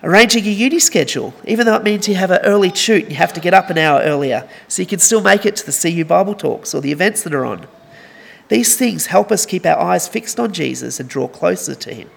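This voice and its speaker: A man's voice: high voice, animated, fast talker, creaky. A young man preaching a sermon in an earnest, conversational way, mixing scripture with stories.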